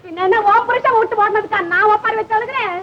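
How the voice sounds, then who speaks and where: An actress playing a bold, sharp-tongued newly married village wife, in 1970s film comedy dialogue. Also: female voice, very high-pitched. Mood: scolding. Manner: bold, teasing, fast comebacks, shouts. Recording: dull hissy old film soundtrack.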